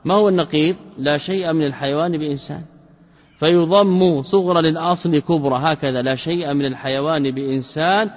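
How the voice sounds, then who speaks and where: Male teacher, slightly high voice, commentary lesson on a text, quizzing listeners, long hall reverb. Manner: reads a passage, then explains it with rhetorical questions; repeats key terms slowly for emphasis. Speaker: teacher explaining a classical logic text.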